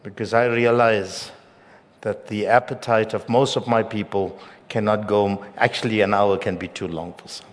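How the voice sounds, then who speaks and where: A middle-aged man preaching a sermon as pastor, with emphatic loud peaks and hushed drops. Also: fairly low pitch, fairly even intonation, moderate pace. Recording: long reverb of a large hall.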